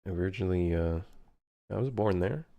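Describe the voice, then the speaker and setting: A man's voice: deep voice, moderate pace, vocal fry, warm tone. A man born in Switzerland, a game developer chatting casually and jokingly on a live stream while reading chat aloud.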